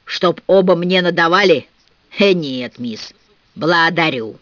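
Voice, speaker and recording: Dude doing a crude growly lout jeering, swingy pitch, muffled dry sound. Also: male voice, animated, unhurried, pushed and bright, no room sound. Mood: smug. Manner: rough growling jeers. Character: coarse jeering male onlooker, gleeful and crude.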